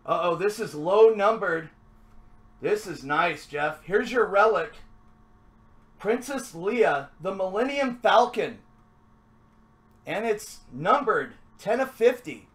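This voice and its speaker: A man's voice: high-pitched, animated, takes it slowly, pauses often, fairly bright tone. A man hosting a trading card break, chatting casually as he opens packs, upbeat and then mumbling to himself. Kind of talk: casual card-opening commentary.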